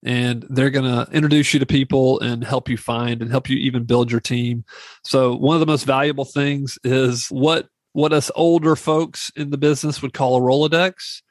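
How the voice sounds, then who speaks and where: A middle-aged real estate investing podcast host gives informal advice in a rambling monologue, repeating phrases for emphasis. His mid-range voice has fairly even intonation and a moderate pace, with no echo.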